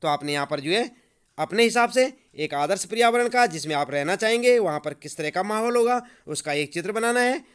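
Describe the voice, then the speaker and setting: A man's voice: high voice, expressive, brisk, a bit bright, clear, resonant tone. A man teaching, walking schoolchildren through homework answers and dictating them for copying, with frequent check-ins like 'okay'. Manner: addresses pupils as children, repeats 'ठीक है'.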